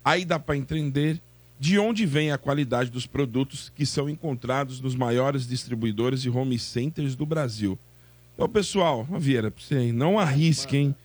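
A man's voice: mid-range voice, moderate pace, breathy edge, no room sound. A man, a radio co-host giving a conversational sponsor read. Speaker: sports radio co-host reading a sponsor spot.

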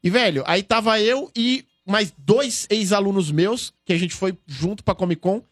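A Brazilian man with a Brazilian Portuguese accent hosting a casual chat, telling animated, slangy stories. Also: high voice, normal speed, no room sound, studio quality, soft background music. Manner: animated, slangy, excitable storytelling. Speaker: show host.

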